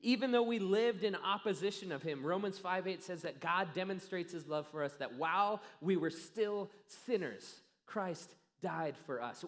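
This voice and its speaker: A pastor preaching a sermon, telling a story earnestly with dramatic pauses that trail off softly. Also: male voice, high voice. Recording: long reverb of a church hall.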